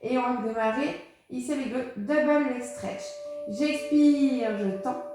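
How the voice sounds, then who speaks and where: High-voiced woman guiding a pilates class. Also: a little slow, background noise. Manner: calm, encouraging, counts breaths aloud with casual fillers. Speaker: pilates instructor. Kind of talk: guided exercise class. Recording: echoey room with music behind.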